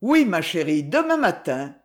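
A gentle, anxious old father, a banker in a read-aloud novel, as a woman narrator voices him. He speaks softly and imploringly to his daughter, his pitch moving widely. The tone stays close to the reader's own, only a little lower at times. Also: very animated, measured pace. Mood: tender.

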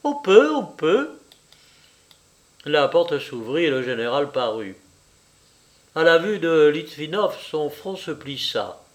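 A man narrating a classic novel in a calm, measured way. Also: fairly high pitch. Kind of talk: scripted audiobook narration.

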